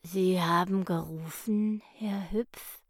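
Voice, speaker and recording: A woman voicing an old female snail with a raspy voice, who speaks slowly and half whispers. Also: on the low side, fairly even intonation, no room sound, studio quality. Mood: unhurried. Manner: slow, drawling, half-whispered.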